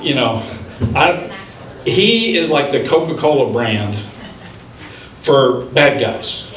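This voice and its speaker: A man from Ohio doing a stand-up comedy set, telling stories with punchlines in an animated way. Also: on the high side, echoey room, recorded from a distance, poor audio. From Ohio, United States. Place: comedy club stage.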